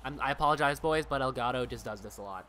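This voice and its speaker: A man doing amateur play-by-play commentary of a hockey video game, excitable and shouting on big plays, with casual profane asides to viewers. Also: medium pitch, fast, slight background noise.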